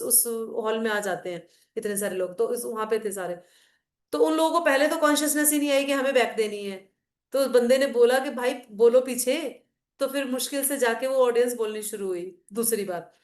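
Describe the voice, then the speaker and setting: A woman's voice: a little high, a little fast, reverberant. A middle-aged woman teaching a devotional class in a casual, conversational way, explaining with anecdotes and asides. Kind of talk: casual Hindi class talk mixing English.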